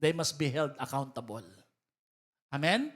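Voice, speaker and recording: A man's voice: mid-range voice, very animated, measured pace, fairly bright tone. A man with a Filipino accent preaching a sermon as pastor, switching between Tagalog and English and building to emphatic calls to the congregation. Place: church hall.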